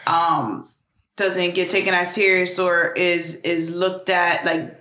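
A woman's voice: lowish voice, little pitch movement, takes it slowly, pushed and bright, reverberant. A woman explaining her view tentatively in a casual podcast debate.

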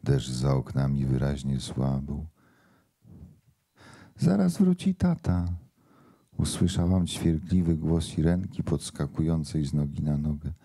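A man giving a measured, expressive literary reading of a novel at a book launch. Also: a bass voice, slightly rough.

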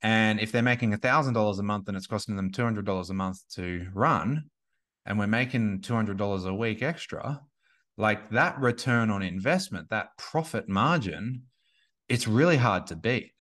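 A man's voice: on the low side, moderate pace, a bit bright. A man in his thirties, a podcast guest and business coach, talking casually and rambling with many restarts and fillers. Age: 30s.

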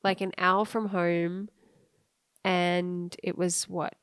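A woman's voice: lowish voice, little pitch movement, takes it slowly, smooth, no room sound, studio quality. An Australian woman co-hosting a podcast, telling a story in casual chat and laughing often. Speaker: podcast co-host.

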